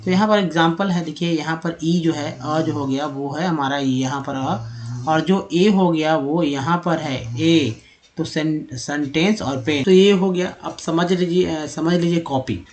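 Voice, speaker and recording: A man teaching English from India, explaining over slides in a patient way, repeating sounds slowly with many fillers. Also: a little high, a little mellow.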